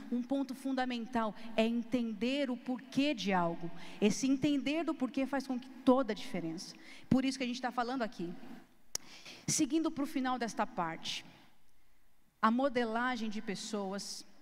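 A woman teaching a video lesson. Her voice sits fairly high, and she talks casually and emphatically to the viewer. A long reverb trails behind her words, as in a hall. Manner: lively, emphatic, changes tone and pace often to demonstrate; casual Brazilian slang, addresses viewers directly. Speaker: youth ministry teacher. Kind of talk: recorded video lesson with slides.

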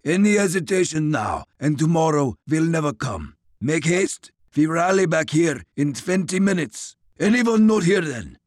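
A man's voice: a little high, sing-song, measured pace, few pauses, dry recording, studio quality, voice pushed up. A man voicing a stern male soldier who gives clipped, authoritative orders. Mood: commanding.

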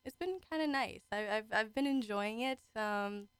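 Speaking slightly high and at a moderate pace, this Caribbean woman in her twenties has a clear, resonant voice with no room sound. She grew up in Trinidad and the British Virgin Islands and is a giggly, talkative radio guest. She keeps things casual and acts out what she says.

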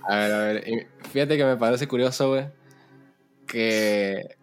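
A man's voice: mid-range voice, a little slow, soft background music. A Mexican man with a Mexican accent hosting a casual podcast chat, slangy and swearing, just woken up. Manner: slangy, swears a lot, says güey constantly. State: just woke up. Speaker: podcast host.

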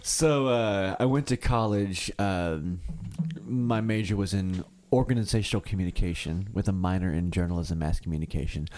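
A man's voice: deep voice, moderate pace, a little mellow. A man in his early thirties from Kentucky, a guest musician talking in a laid-back way, full of "like" and "uh". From Kentucky, USA. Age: 30s. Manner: laid-back, leans on "like" and "uh" a lot. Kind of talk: casual interview chat.

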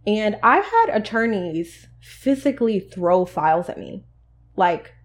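A woman's voice: medium pitch, measured pace. A young adult woman hosting a podcast, telling workplace stories in a casual, conversational way and acting out the quoted lines. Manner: conversational, animated, acts out quoted dialogue. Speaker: podcast host. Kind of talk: casual storytelling monologue.

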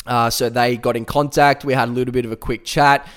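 Smooth, even-toned young Australian man. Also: mid-range voice, a little fast. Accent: South Australian. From Adelaide, Australia. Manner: easygoing, rambling with fillers. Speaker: podcast host. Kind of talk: casual solo podcast talk.

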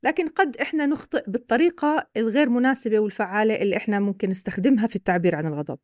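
A woman's voice: a little high, very fast, dry recording, studio quality. A woman with a Levantine Arabic accent, patiently explaining ideas with examples as a guest expert on a podcast.

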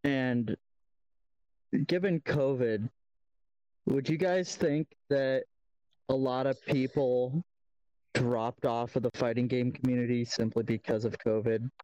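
A man's voice: mid-range voice, steady tone, slow pace, long pauses, a little mellow, no echo, poor audio. A man on a casual group podcast, asking questions in a hedging, curious way. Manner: inquisitive, hedging. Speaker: podcast co-host.

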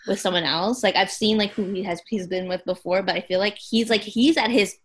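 A woman's voice: medium pitch, fairly quick. A young woman co-hosting a podcast, talking in a rambling, emotional way with lots of "like". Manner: rambling, heavy use of "like", emotional. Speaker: podcast co-host. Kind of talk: casual chat.

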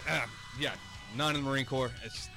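A man's voice: mid-range voice, fairly even intonation, fairly quick, gravelly, music in the background. A forty-year-old man in a band, musing wryly on getting older in a casual chat. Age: 40s. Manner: reflective, wry. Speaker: band member.

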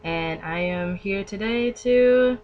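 A woman who owns a beauty business appears as a podcast guest, chatting casually and informally while thinking aloud. Her voice is medium-pitched and slow, and the sound is lo-fi.

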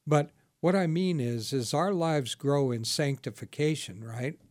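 A man's voice: fairly high pitch, a little slow, darkish tone, dry recording, studio quality. A man hosting a ministry talk show as pastor, asking questions, telling stories and laughing often. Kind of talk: casual ministry interview.

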